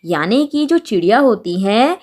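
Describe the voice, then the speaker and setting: Slow sing-song woman teacher. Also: on the high side, big pitch swings, darkish tone. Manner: slow, sing-song recitation, explains word by word. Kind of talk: poem explanation lesson for children.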